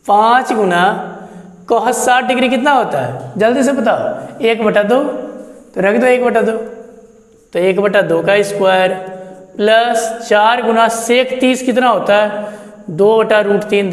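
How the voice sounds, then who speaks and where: High-voiced man teaching in an echoey room. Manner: explains step by step, asks and answers his own questions; chatty and encouraging. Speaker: math teacher. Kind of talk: classroom lesson. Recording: echoey room with long reverb.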